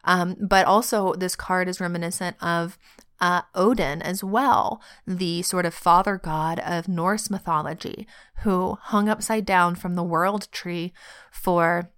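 Slow, soft-spoken woman podcast host. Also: fairly low pitch, fairly even intonation, clear, resonant tone. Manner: slow, soft and heartfelt, drops to whispers, laughs often. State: sick and choked up. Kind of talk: reflective solo podcast talk.

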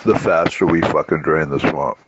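Over a push-to-talk voice chat app, a man with an extremely low voice rants about politics at a normal speed, blunt, profane and emphatic. He's a participant in a political radio chat channel. The audio is muffled, walkie-talkie-style, with background noise.

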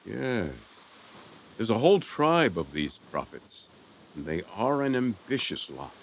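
A man's voice: on the low side, big pitch swings, unhurried, vocal fry, a little hiss or hum, exaggerated voice. An actor playing an anguished king torn over his daughter, in a declamatory, grief-stricken stage delivery for an audio drama. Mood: resigned.

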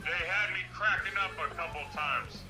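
A man calling in over a phone on speakerphone, chatting casually and excitably. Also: on the high side, moderate pace, over music, poor audio. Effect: heard over a phone on speakerphone. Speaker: phone caller. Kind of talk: casual chat.

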